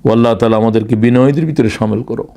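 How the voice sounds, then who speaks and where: A man's voice: medium pitch, steady tone, dark tone. Dramatic preacher, man. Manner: dramatic, rising to exclamations, slows to recite quotations. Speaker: Islamic lecturer, former English teacher. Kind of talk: religious lecture.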